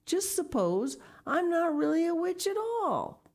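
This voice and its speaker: A woman reader performs an old storybook witch who is proud of her garden and full of joyous wonder. Her voice sits on the low side with a darkish tone, and it is expressive at a normal speed, swooping widely and exclaiming with delight, though the mood comes across as anxious.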